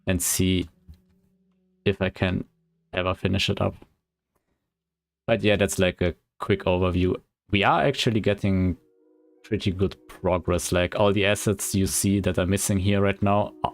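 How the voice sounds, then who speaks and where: A man with a German accent chats casually on a livestream as an indie game developer, rambling and hesitant. His voice sits low and carries vocal fry.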